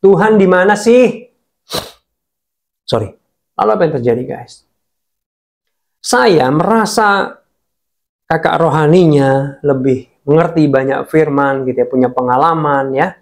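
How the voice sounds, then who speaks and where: Guy preaching casually, fairly high voice, tells stories and talks right to the viewers. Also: a little slow, gravelly, pauses often. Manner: animated storytelling, talking straight to viewers. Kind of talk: casual sermon.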